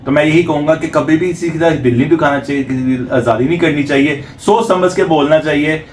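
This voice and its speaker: A man hosting a family vlog who chats casually, teases the others and keeps the talk moving. His voice sits a little high for a man. It sounds roomy, with faint noise behind. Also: brisk. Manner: chatty, teasing, prompts others. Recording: roomy home recording.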